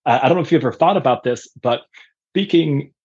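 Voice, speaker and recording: Man from Austria, husky voice, muffled lo-fi call audio, thoughtful teacher guest. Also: a little high, lively intonation, quick pace, a little mellow. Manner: thoughtful, with frequent uh fillers. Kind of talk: casual interview chat.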